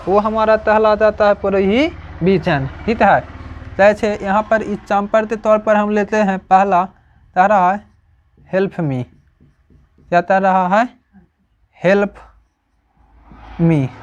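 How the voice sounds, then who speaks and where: A man teaching a grammar lesson, patiently repeating each point and checking in with the class. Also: high-pitched. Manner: patient, repeats points with frequent "theek hai". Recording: dull lo-fi recording.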